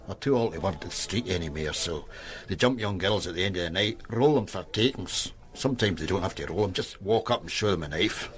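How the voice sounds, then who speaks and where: In a radio drama, an actor voices a shady Glasgow-accented police informant who wheedles, hedges and hesitates slyly. The man's voice is low, expressive and fairly quick.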